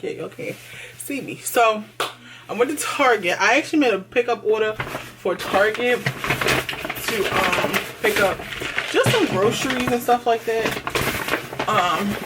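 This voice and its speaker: A young woman vlogger with a Baltimore accent and a mid-range voice chats casually to her camera, often with her mouth full as she eats. Background noise is present.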